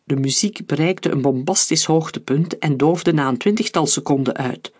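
Audiobook narration, husky breathy tone, mid pitch. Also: moderate pace, darkish tone.

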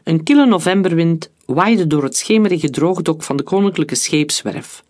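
A narrator reading a historical story in a steady storytelling voice. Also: mid-range voice, moderate pace.

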